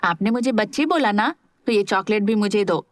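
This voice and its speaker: A woman's voice: mid-range voice, expressive, moderate pace, no room sound, studio quality, natural voice. A woman voicing a young woman who teases her brother playfully and answers her husband curtly and bitterly. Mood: teasing. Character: young woman, playful teasing sister turned cold wife.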